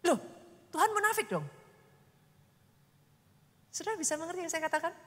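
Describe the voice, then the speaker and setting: A woman pastor preaching a sermon, animated and constantly addressing the congregation, acting out quoted speech with dramatic swings. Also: very high-pitched, normal speed, long reverb tail. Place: church.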